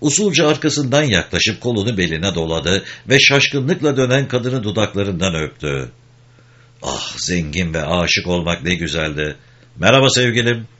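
A man narrating an audiobook with expressive storytelling. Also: low-pitched, moderate pace. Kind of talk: scripted narration. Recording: dull lo-fi recording.

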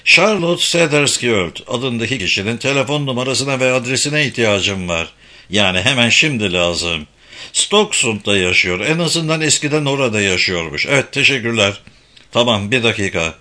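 A man's voice: mid-range voice, animated, moderate pace, sharp tone. A man voicing a confident female police officer who speaks dryly in an audiobook. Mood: cool. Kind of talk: audiobook character voice.

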